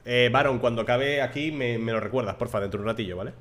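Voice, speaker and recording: A man's voice: mid-range voice, quick pace. Young man streaming gameplay. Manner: casual, swears, shouts excitedly at the game. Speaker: gaming streamer. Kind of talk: live gameplay commentary.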